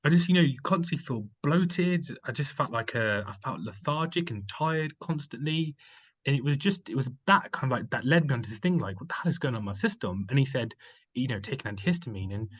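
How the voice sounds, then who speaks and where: A man with a husky, slightly rough voice speaks as a podcast guest. He talks casually and rambles, tossing in filler words as he goes. His pitch sits in an ordinary middle range. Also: lively intonation, fairly quick, a bit bright. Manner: rambling, filler-heavy storytelling with many "like"s. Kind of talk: casual chat.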